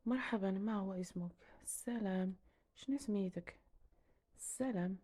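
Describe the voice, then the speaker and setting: A woman teaching a language lesson, saying each phrase slowly and then repeating it for learners. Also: mid-range voice, dark tone.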